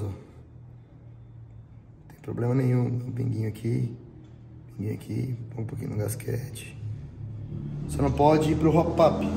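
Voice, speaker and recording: In a small range room and airsoft shop, a middle-aged man with a Brazilian accent walks through a product demo, his medium-pitched voice thin, cracked and reedy with vocal fry. His explanations are casual and lean on frequent tag questions, while the room adds echo and faint background noise.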